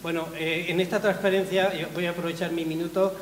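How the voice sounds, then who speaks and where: A man, a university lecturer on a panel, presenting study findings with frequent fillers and restarts, often trailing off softly. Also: high-pitched, little pitch movement, brisk. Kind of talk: conference presentation. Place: hall at a round-table event. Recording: echoey hall, faint noise.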